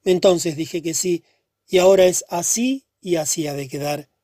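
A man reading the part of a pale, troubled young woman who speaks softly and sadly. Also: on the low side, moderate pace, dry recording, studio quality, lightly acted. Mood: pleading. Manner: soft, subdued and hushed.

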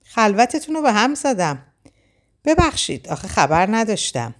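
A woman's voice: sits low, animated. A woman playing a jealous, sneering young woman. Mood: sarcastic. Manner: sneering, mocking.

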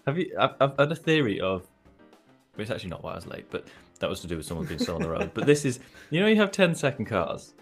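A man's voice: lowish voice, sing-song, quick pace, husky, soft background music. A man co-hosting a car podcast in casual chat, rambling and joking with many restarts. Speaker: podcast co-host.

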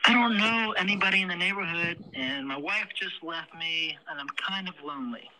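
A man's voice: sits high, fairly quick, crowd noise, lightly acted. A man voicing a friendly, lonely new neighbor in a prank phone call, polite and overly familiar.

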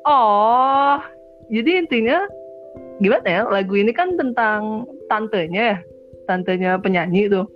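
A young woman with a Jakarta accent co-hosts a podcast, chatting casually and acting out her own thoughts. Her mid-range voice is animated, with a measured pace and frequent pauses. The lo-fi recording sounds slightly dull, with faint music underneath.

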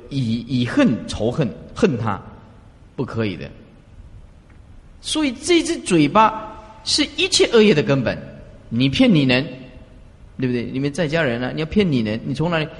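Animated man giving a Buddhist talk. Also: a little high. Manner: earnest, exhorting, asks rhetorical questions. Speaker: Buddhist teacher. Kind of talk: dharma talk. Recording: long reverb of a large hall.

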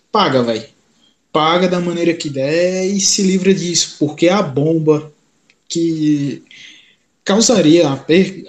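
A man hosting a sports podcast in an informal, colloquial way. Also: on the high side. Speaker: podcast host. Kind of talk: casual sports podcast talk.

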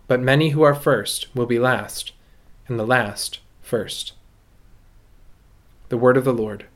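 A man's voice: mid-range voice, slow. A man, a priest, speaking steadily at a pulpit microphone, reading the gospel and preaching a homily in a church. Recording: long church reverb.

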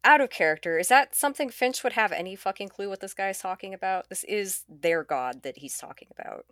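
A woman's voice: medium pitch, expressive, a little fast, a bit bright, dry recording, studio quality. A woman chatting casually as a tabletop game player, with a wry, sarcastic way of talking.

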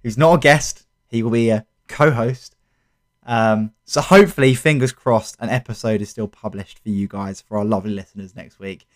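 A man's voice: lowish voice, moderate pace. Young South London man, casual podcast chat. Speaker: podcast co-host.

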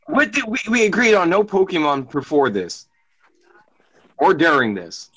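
A man's voice: a little high, huge pitch swings, normal speed, fairly bright tone, a little hiss or hum, low-quality recording. Crude teasing young man on a call. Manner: teasing, crude, talks over others. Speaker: podcast co-host. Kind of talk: casual chat among friends on a call. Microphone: home mic on a call.

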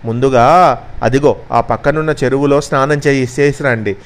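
A man's voice: medium pitch, normal speed, lightly acted. A man voicing a flock of sweet, cheerful butterflies in a children's story. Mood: cooing. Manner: sweet, cooing.

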